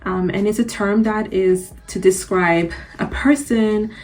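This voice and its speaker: A young woman from Antigua, born in Guyana, chatting casually to her channel in a relaxed, rambling way. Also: mid-range voice, measured pace. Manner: chatty, relaxed, loose with fillers. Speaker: channel host. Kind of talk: casual personal vlog.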